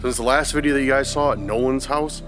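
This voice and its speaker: A paranormal vlogger, congested from a cold, rambles casually to his viewers in a forest, full of fillers and restarts. His medium-pitched voice is a bit bright and fast, with soft music playing behind him.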